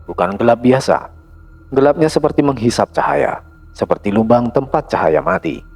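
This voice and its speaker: Brief: male horror narrator, gravelly and husky, lively pitch, faint music bed. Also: moderate pace. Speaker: storyteller.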